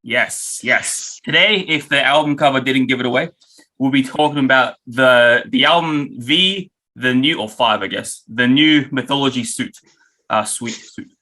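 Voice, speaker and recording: A man hosting a podcast in casual, unscripted talk, halting and rephrasing as he goes. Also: mid-range voice, sharp tone, poor audio. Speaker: podcast host.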